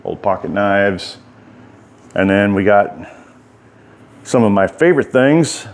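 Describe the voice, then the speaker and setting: Low-voiced American man talking out of his mouth's side. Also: animated, takes it slowly. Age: middle-aged. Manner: rambling, folksy and informal. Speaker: writer and bladesmith giving a workshop tour. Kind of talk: casual walk-through vlog.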